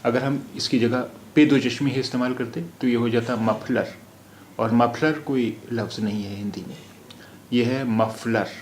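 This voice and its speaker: A man teaching Urdu pronunciation, repeating each word slowly for the learner to drill. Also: mid-range voice, fairly even intonation, darkish tone, reverberant, a little hiss or hum. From India. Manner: slow, repeats words for drill. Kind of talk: phonetics lesson.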